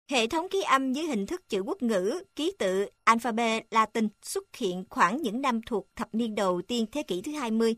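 A woman narrating a lesson, reading textbook passages in an even, measured way. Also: fairly high pitch, no room sound, clean studio sound. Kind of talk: read-aloud textbook narration.

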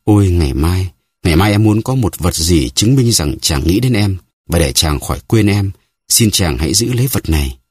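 A man voicing a scheming, seductive noblewoman who speaks softly and tenderly in an audiobook. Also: low voice, lively intonation, moderate pace, breathy edge, no echo, clean studio sound. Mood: cooing. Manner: soft, cooing, pleading.

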